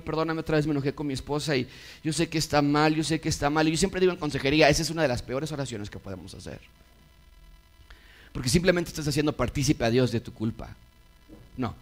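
Emphatic preaching pastor, man. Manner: swings between loud emphatic peaks and quiet low asides; acts out quoted voices of listeners. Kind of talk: sermon.

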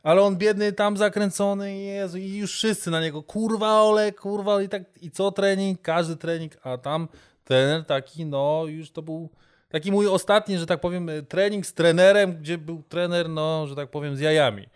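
A man co-hosting a podcast, telling stories in animated casual banter and swearing freely. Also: on the high side, normal speed, smooth. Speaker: podcast co-host.

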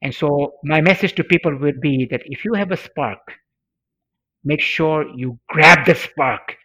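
Forceful and bright, with a slightly high pitch and measured pace, a middle-aged Tanzanian man narrates a personal experience in an interview. Swahili is his native tongue, and he speaks earnestly, repeating phrases for emphasis, on a dull, lo-fi recording.

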